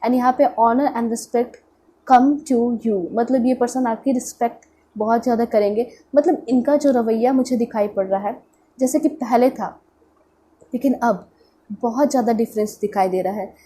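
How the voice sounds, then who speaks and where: Warm-toned with a breathy edge, this woman's voice sits on the high side and moves at a moderate pace. She's a tarot reader with an Indian accent, stuffed-up and nasal from a cold, giving a casual reading. She weaves in English words and repeats phrases to check in.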